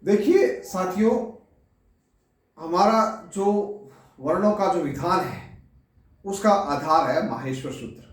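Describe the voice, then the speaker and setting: A man giving a slow classroom lecture on pronunciation, explaining word by word and addressing his listeners directly. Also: sits high, animated. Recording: echoey room, voice from far off.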